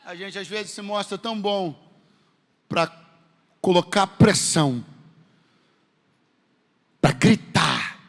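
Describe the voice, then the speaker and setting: High-voiced Brazilian pastor preaching in a reverberant church. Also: male voice, unhurried, long pauses. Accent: Brazilian Portuguese. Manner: fervent preaching with rhetorical questions to the congregation. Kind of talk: sermon. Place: church sanctuary. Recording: long hall reverb in a church.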